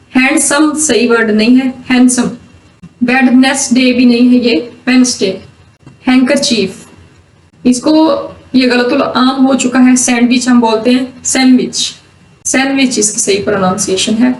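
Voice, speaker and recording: A woman with a slightly high voice explains pronunciation rules at a very slow, deliberate pace. She reads each rule sentence carefully before explaining it. Her voice carries a roomy echo and sounds as if the mic sits some distance away. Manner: reads English rule sentences slowly, then explains them. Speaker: English pronunciation teacher. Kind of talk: explaining lesson.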